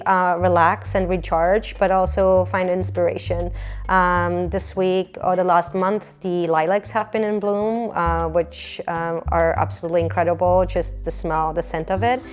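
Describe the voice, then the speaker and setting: A woman from Austria, an artist, speaking reflectively about her work with many pauses, fillers and restarts. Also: mid-range voice. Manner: soft-spoken, halting, many fillers and restarts. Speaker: painter. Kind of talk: reflective interview monologue.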